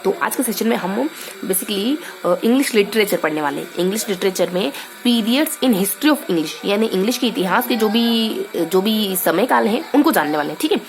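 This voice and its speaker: A woman's voice: mid-range voice, animated, normal speed, slight background noise. A young woman teaching a casual lesson, chatty and playful, thinking aloud with many fillers and memory tricks. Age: young adult.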